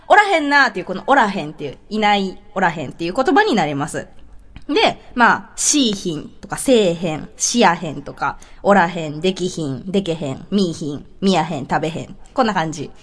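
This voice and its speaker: A woman with a Kansai accent, a podcast co-host explaining in a casual, teacher-like way with many examples. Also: medium pitch.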